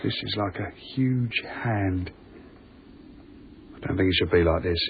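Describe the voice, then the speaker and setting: In a naturalistic radio drama, a male actor plays a chatty British railway tunnel night worker who loves anecdotes, speaking in a matey, musing way with uneasy fascination. His voice is low and measured in pace. The lo-fi, phone-like recording is clearly noisy.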